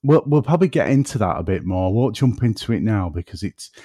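A man from North West England, between Manchester and Liverpool, speaks with a northern English accent in a lowish, mellow voice with a breathy edge, animated and brisk. He's a podcast guest in casual chat, rambling, self-deprecating, and drifting off topic. The studio-quality recording has no room sound.

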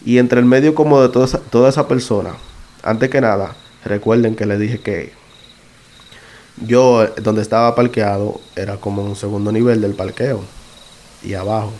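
A man telling his own experience in a casual, halting way, often stopping to correct himself. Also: on the low side, fairly even intonation, darkish tone. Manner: halting, self-correcting, conversational. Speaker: podcast narrator. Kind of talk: casual first-person storytelling.

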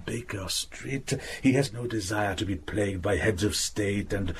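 A charming former gentleman thief played by a man, in a radio play. He talks effusively in a mid-pitched voice, stumbling over fillers, with faint background noise. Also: moderate pace, close to an everyday voice. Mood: confiding. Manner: effusive, hesitant with many fillers. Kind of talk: radio drama acting.

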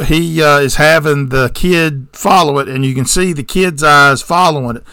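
Southern podcast co-host, a rambling storyteller with a gravelly edge, recorded dry. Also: male voice, on the high side, moderate pace, bright, forceful tone, no echo. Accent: Southern American. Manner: rambling storyteller with digressions and sarcastic asides. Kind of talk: casual chat, retelling a movie plot.

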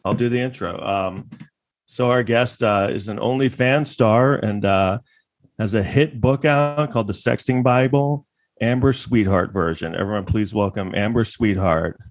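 A man's voice: lowish voice, moderate pace, dry recording. A man co-hosting a comedy podcast, talking in a loose, joking, rambling way. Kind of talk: casual joking chat.

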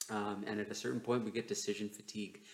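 A man's voice: fairly low pitch, flat delivery, fast talker. A man hosting a casual solo podcast, his enunciation slightly stiff from a sore, numb jaw. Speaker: podcast host. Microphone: newly bought microphone, not laptop mic. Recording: roomy, echoey home microphone recording.

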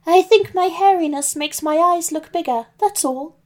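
A woman's voice: very high voice, normal speed, voice pushed up. A woman voicing a wolf who pretends to be a sweet old grandmother, in a sugary, fussy put-on old-lady voice. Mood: sugary fake. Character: big wolf faking a sweet old granny.

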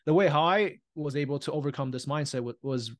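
A man's voice: fairly high pitch, fairly quick. A man in his thirties from Taiwan, a real estate investor speaking as a guest in a casual interview, reflective and often checking in with "right?". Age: 30s.

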